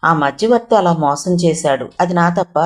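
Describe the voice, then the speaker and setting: A woman voicing a gentle, middle-aged mother who pleads softly with her daughter. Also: fairly low pitch, animated, normal speed, close to an everyday voice. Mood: pleading. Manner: soft, pleading.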